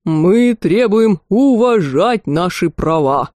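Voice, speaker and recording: A woman voicing an indignant three-headed male dragon who yells and shrieks his complaints in an audiobook. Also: expressive, takes it slowly, no echo. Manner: shrill, yelling.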